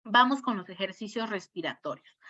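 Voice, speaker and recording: A woman's voice: medium pitch, lively intonation, moderate pace, bright, forceful tone. A woman, a speech therapist giving an informal talk, explaining step by step and checking in with her listeners. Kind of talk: informal online lecture. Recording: muffled lo-fi audio.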